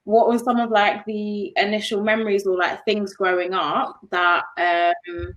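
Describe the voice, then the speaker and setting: A woman's voice: medium pitch, level tone, a little slow, fairly bright tone, highs cut off. A woman hosting a panel, asking rambling, hesitant questions full of fillers. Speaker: host. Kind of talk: casual interview questions.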